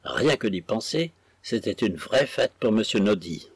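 A man narrating a classic novel as an audiobook, in a measured storytelling manner. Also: fairly low pitch, expressive, darkish tone, husky, no echo.

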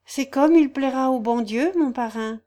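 A woman reading an audiobook puts on an innocent young peasant girl, her voice raised brighter than the narration yet still mellow. She speaks in artless, rustic phrases, earnest and devout. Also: high-pitched, normal speed, voice pushed up, lightly acted. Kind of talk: audiobook character voice.

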